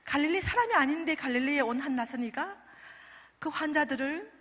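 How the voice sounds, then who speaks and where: High bright woman, animated church testimony. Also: fairly quick. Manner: animated storytelling with quoted prayers, mixing in English words. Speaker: pastor's wife giving a testimony. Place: church sanctuary. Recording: church hall reverb.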